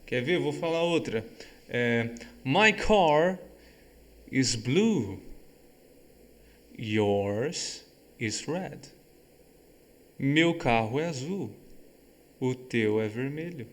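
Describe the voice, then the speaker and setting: A man's voice: mid-range voice, animated. Patient man teaching English grammar. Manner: patient, repeats key words, checks understanding often; reads English example sentences slowly and carefully. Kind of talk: online grammar lesson.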